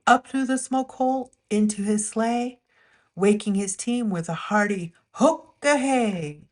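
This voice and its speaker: Reading a rhyming picture book as a storyteller, this woman keeps a measured, expressive storytime delivery at a medium pitch.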